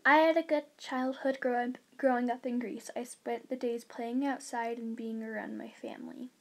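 A woman's voice: on the high side, fairly even intonation, normal speed, close to an everyday voice, low-quality recording. A woman voicing a young male immigrant miner, in an earnest first-person school history narration read plainly aloud.

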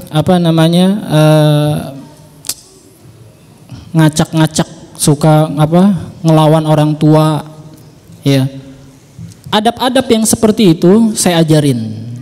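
A man's voice: a little high, warm tone, long reverb tail. A man in his thirties, a parent guest on a radio show, giving earnest religious parenting advice, repeating his points and addressing the listeners directly. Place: radio studio.

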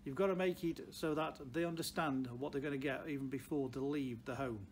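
Here the dealer's voice sits in the mid-range, fairly quick and with fairly even intonation. He is a man in his sixties from Stoke-on-Trent, England, with a Potteries accent, giving plain, unscripted advice to camera and repeating phrases for emphasis. Clear showroom ambience fills the background of the large indoor car showroom.

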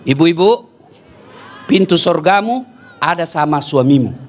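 A middle-aged man with a Makassar accent preaching a humorous sermon, joking and often shouting. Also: on the high side, animated, measured pace. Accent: Makassar Indonesian.

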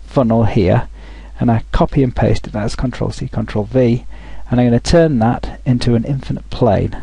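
A man talking through a software tutorial over a screen recording, thinking aloud with frequent restarts. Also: medium pitch, moderate pace, creaky, slightly rough, no echo, low-quality recording.

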